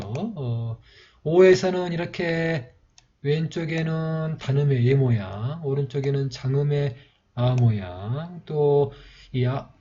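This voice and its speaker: A man gives a patient handwriting lesson, talking slowly through each stroke and repeating his phrases. His voice is dark and husky. The recording is dull and lo-fi, with clicking behind him. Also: mid-range voice. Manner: patient, repeats "이렇게 이제" often. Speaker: teacher of Siddham script.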